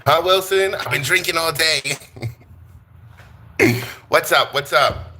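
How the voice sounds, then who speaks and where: A man hosts a live tarot stream in a bright, forceful voice. He jokes around, greets his chat and swears freely. There is a faint hiss of noise behind him. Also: fairly high pitch, slow. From Brooklyn, New York.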